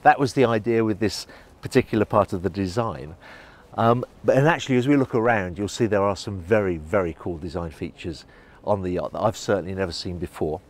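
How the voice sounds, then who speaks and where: A man's voice: deep voice, brisk. A middle-aged man giving an enthusiastic walkthrough tour of a yacht, guiding the viewer as he walks. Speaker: yacht reviewer. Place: outdoors on a yacht deck and inside its saloon at a boat show.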